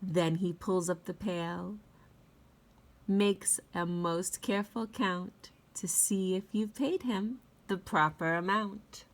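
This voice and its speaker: Slow, creaky woman reading to children. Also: fairly low pitch. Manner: slow, expressive, addressing young children. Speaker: teacher reading aloud to children. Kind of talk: children's read-aloud with chatty introduction. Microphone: phone at arm's length.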